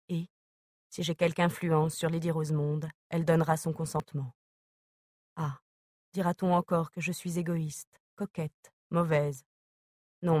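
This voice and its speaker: A woman reading a novel aloud as narrator, in a measured, even manner. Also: low-pitched, no echo, studio quality. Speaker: audiobook narrator.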